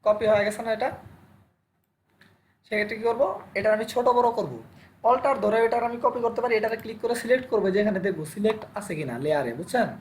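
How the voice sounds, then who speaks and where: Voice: medium pitch, fast. A Photoshop instructor teaching a live online class, who keeps asking and answering their own questions and repeats each step. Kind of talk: live online class, screen-share tutorial.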